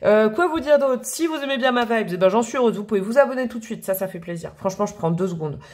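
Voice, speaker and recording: A woman's voice: a little high, lively intonation, fast talker, darkish tone. A woman doing a chatty, rambling tarot reading for her viewers, full of fillers and asides. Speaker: tarot reader.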